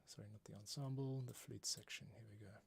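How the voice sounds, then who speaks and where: A composer hosts a live music production stream, thinking aloud casually and often muttering to himself as he works, like an informal tutorial. His voice is lowish and fairly even in intonation, with a quick pace and some vocal fry. Music plays behind him, with score playback, computer keyboard clicks, and slight background noise.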